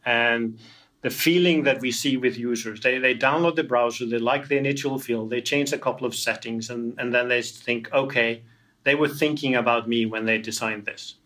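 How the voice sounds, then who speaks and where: A man's voice: medium pitch, steady tone, normal speed, a bit bright. A man from Iceland, answering interview questions as a company founder, often repeating words as he restarts. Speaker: tech company founder, guest.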